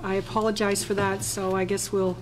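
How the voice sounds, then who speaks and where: A woman's voice: mid-range voice, little pitch movement, a little fast. Hesitant woman chairing a council meeting. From Canada. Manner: hesitant, many fillers, chatty aside. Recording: faint noise, council chamber.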